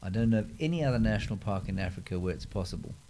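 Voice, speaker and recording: Male host for a relaxed live Q&A, low warm tone, dry self-deprecating wit, handheld mic. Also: racing, slight background noise. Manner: dry, self-mocking humour with playful put-on voices. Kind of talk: casual live Q&A chat. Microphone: handheld microphone.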